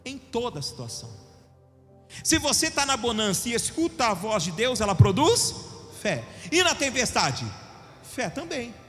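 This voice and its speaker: A male pastor from Brazil preaching a sermon, asking the congregation questions and swinging between loud and quiet. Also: very high-pitched. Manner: preaching with call-and-response questions, shifting between loud and soft. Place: church hall. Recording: long hall reverb with faint music. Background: faint music.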